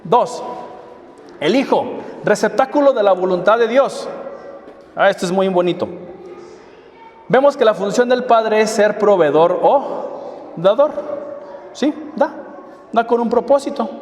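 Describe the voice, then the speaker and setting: A man with a high-pitched voice preaches a sermon, firing rhetorical questions at the congregation. His voice rings through a large echoey hall with a long reverb, picked up from a distance. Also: a little mellow. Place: church hall.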